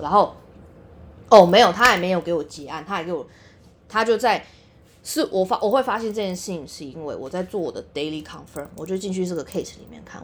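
A young woman with a Taiwanese Mandarin accent tells a story in casual chat, indignant and animated. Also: lowish voice, slight background noise.

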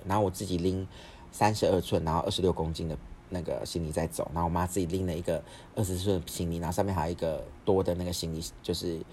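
A young man, hosting a podcast and telling a story in a rapid, rambling way with frequent restarts. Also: deep voice, a little mellow, a little hiss or hum. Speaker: podcast host. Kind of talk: casual storytelling.

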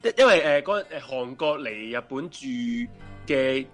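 A man with a Hong Kong Cantonese accent co-hosting a casual true-crime chat, offering tentative theories in halting, slangy speech. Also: mid-range voice, expressive, a bit bright, faint music behind. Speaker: podcast co-host.

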